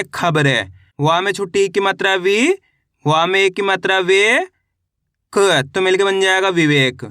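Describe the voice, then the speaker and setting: A man with a high, bright and smooth voice teaches beginners to read, sounding each word out slowly, one syllable at a time. His delivery is patient and drilling, and the recording is close and dry. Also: dry recording. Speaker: Hindi reading teacher. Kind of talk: spelling lesson for beginners.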